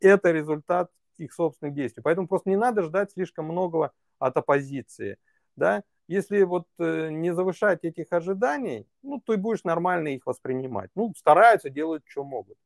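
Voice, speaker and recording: A man's voice: fairly high pitch, lively intonation, a little fast, creaky, no echo, studio quality. A man working as a political consultant, answering interview questions in long, reasoned stretches with many fillers.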